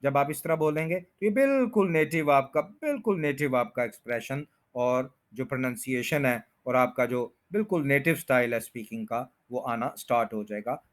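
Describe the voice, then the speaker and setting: A man teaching English pronunciation in Hindi, repeating words slowly to show their stress. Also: mid-range voice. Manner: slow, drawn-out repetition of words with stress. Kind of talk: pronunciation lesson explained in Hindi.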